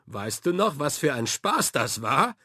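A man's voice: medium pitch, very animated, measured pace, pushed and bright, husky, dry recording, clean studio sound, full character voice. A man playing a boisterous, doting sea captain who is a father, in a hearty, exclamatory voice.

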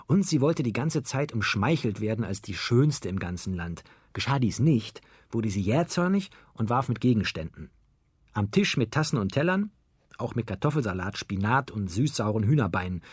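A man reading a children's radio story aloud in a playful, lively way, stretching words for effect. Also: medium pitch, breathy edge, no room sound, studio quality. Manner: playful, lively character voices and drawn-out words.

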